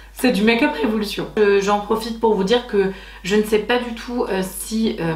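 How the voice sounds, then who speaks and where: A woman's voice: mid-range voice, roomy sound, distant mic. A woman chatting enthusiastically in a casual beauty haul vlog, with many fillers and restarts. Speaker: beauty vlogger.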